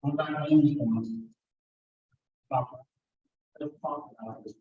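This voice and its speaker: Man, lively loose speech, slightly higher voice, phone-like tinny echoey sound. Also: measured pace, far from the mic.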